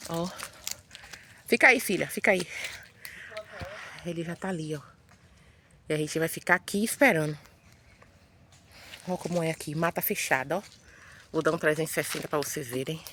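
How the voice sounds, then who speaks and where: A woman's voice: sits low, normal speed, long pauses, fairly bright tone, a little hiss or hum. Chatty woman. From Bahia, Brazil. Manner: chatty, exclamatory, keeps calling out to viewers. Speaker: vlogger and mother. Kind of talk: casual vlog narration to viewers. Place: outdoors in muddy woods and mangrove.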